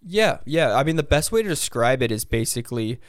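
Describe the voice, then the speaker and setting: An American man with a raspy vocal fry, chatting casually and ramblingly as a podcast guest. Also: medium pitch, sing-song, fairly quick, no echo, clean studio sound. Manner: rambling, hedging, self-interrupting. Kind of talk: casual interview chat.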